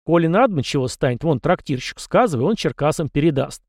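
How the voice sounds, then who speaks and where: A stern, barking army commander voiced by a man narrating an audiobook, lifting his voice high and loud to berate a foolish youth. The sound is close and dry, with no room around it. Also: lively intonation, fast, dry recording. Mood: scolding. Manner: barking, scornful, raises voice. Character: gruff middle-aged male army commander, stern scolding mentor. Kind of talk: audiobook character voice.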